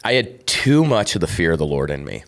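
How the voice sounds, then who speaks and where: A man's voice: low voice, big pitch swings, fairly quick, vocal fry. A middle-aged man, a former football player co-hosting a podcast, earnestly telling a personal story in casual chat.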